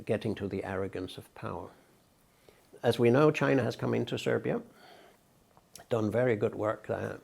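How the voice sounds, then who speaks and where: A man's voice: fairly low pitch, vocal fry, mellow. An older man from Denmark, giving outspoken, emphatic interview answers as a guest. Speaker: interview guest, peace researcher.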